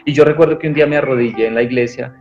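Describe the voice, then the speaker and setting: A man's voice: medium pitch, racing, a little mellow. A man giving an earnest personal testimony in an interview, rambling with many restarts. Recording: dull lo-fi sound with faint music.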